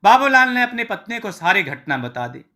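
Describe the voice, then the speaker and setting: A male storyteller reads a scripted tale in a steady, plain way. His voice is high and his tone is bright. He gives voice to every character himself. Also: normal speed.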